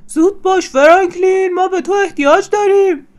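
A woman's voice: high-pitched, close to an everyday voice. A woman voicing a young bear friend who plays at knights in a children's storybook. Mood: eager. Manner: calling out eagerly.

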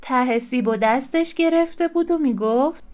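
A woman calmly and expressively reading a translated children's storybook aloud. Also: high voice.

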